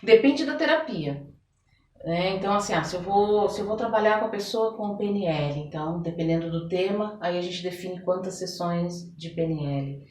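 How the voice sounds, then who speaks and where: A Brazilian woman with a lowish, darkish voice speaks animatedly at a moderate pace as a therapist guest on a podcast interview. Her conversational explanations use everyday examples and imagined quotes. The room echoes, the mic sits far away, and background noise is present.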